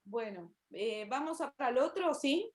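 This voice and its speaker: Argentine lady teacher, slightly high voice, keeps asking "¿sí?". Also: expressive, moderate pace. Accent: Argentine Spanish. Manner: explanatory, checks in with "¿sí?". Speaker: university literature teacher. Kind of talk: online class lecture.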